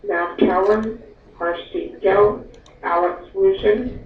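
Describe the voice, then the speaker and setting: A woman speaking over a school intercom loudspeaker as the office announcer, slowly reading out a list of names. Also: medium pitch, recorded from a distance, a little hiss or hum. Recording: tinny loudspeaker heard from across an echoey room.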